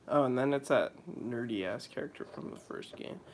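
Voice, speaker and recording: Against a noisy background, a young man with a mid-range voice comments on a video game at a moderate pace. As a let's play commentator, he reads the game's text in a wry, offhand way and drops into mock voices and whispers.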